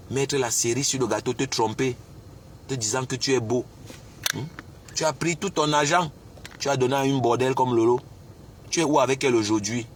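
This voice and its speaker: A man ranting on a live stream, insulting and taunting someone with repeated scornful questions. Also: medium pitch. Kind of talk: angry rant on a live stream. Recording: outdoor street noise with traffic.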